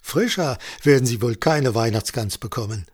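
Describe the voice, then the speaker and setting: A man's voice: medium pitch, normal speed, slightly rough, natural voice. A man voicing a cheerful, chatty middle-aged farmer's wife in a spoken story. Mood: jolly. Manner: chatty, jolly, confiding.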